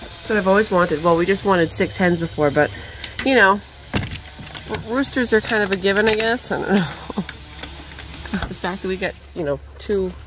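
Outdoors with a handheld phone, a young woman chats casually as she feeds her backyard chickens, rambling and cooing at them in a high voice. She speaks at a moderate pace over a noisy background in this off-the-cuff vlog.

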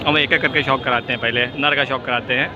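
A man's voice: mid-range voice, steady tone, fast talker. Chatty man at a noisy pigeon market. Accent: Lucknow Hindi. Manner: chatty, keeps addressing viewers as friends. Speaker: vlogger showing pigeons at a market. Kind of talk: handheld market walkthrough commentary. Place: crowded outdoor pigeon market. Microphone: phone camera held close. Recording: dull lo-fi phone audio with loud crowd and traffic noise.

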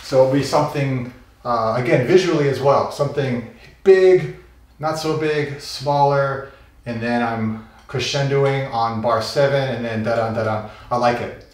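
A man's voice: medium pitch, a little slow. A man teaching a taiko solo, thinking aloud and vocalizing drum rhythms as he works. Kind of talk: instructional talk. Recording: very echoey room, mic far off.

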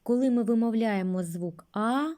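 A woman teaching young children a speech lesson, speaking gently and drawing out words for them. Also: fairly high pitch, normal speed. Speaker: kindergarten teacher.

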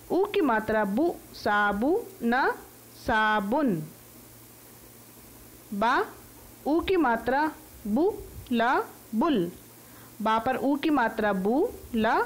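In an online class for small children, an Indian woman leads a slow phonics drill, breaking words into single syllables. Her voice is a little high.

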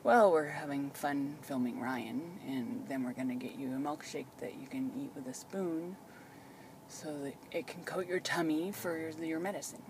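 A woman's voice: sits low, moderate pace. A woman chatting casually as a caregiver, explaining things simply and reassuringly. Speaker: caregiver filming a patient. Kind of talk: casual chat. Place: inside a parked car. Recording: clearly noisy in-car recording.

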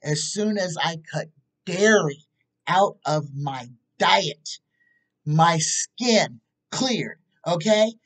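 A woman's voice: on the low side, lively intonation, very slow, distant mic, poor audio. A woman in her fifties, a tarot reader, talking casually to her webcam at home and driving points home with repeated checks. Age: 50s. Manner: emphatic, repeats points with "okay?". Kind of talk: casual talk to camera. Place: small room at home, indoors. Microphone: webcam at desk distance.

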